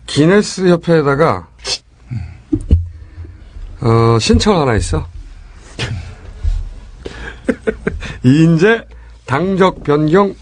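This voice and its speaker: A man hosting a political talk podcast in a casual, teasing style. His voice runs high and lively, rising and dipping a lot, and he talks slowly. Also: a little hiss or hum. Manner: joking, teasing. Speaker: podcast host. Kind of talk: casual political comedy chat.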